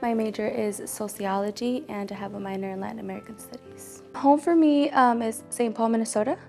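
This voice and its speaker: Young female college student born in Mexico, raspy low fry at phrase ends, casual earnest testimony, faint music underneath. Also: a little fast, darkish tone. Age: young adult. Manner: casual, lots of "like" fillers, earnest. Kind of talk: personal testimony.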